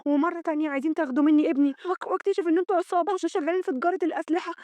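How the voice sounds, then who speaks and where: A woman's voice: sits high, racing, a little mellow, no room sound, lightly acted. Woman voicing a scared, defiant young mother. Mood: frightened. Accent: Egyptian Arabic. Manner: pleading, agitated outbursts.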